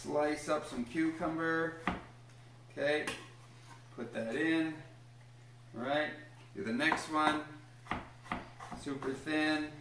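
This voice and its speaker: A man's voice: a little high, takes it slowly, long pauses, background noise. A young man demonstrating a recipe in his home kitchen, upbeat and encouraging as he explains each step and cheers on a small child helping him. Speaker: home cooking host. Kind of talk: casual cooking demonstration. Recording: echoey kitchen room.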